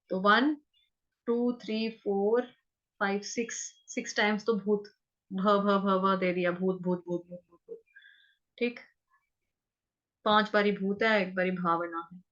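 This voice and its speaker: A woman teaching how to chant verses, reciting slowly and breaking words into syllables to repeat them. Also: mid-range voice, a bit bright, highs cut off. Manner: slow, drawn-out chanting of verses. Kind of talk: Sanskrit recitation lesson.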